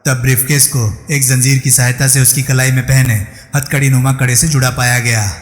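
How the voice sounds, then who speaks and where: Brief: male audiobook narrator for a crime novel, steady telling, reverberant room. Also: mid-range voice, moderate pace. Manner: steady storytelling. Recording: echoey room with long reverb.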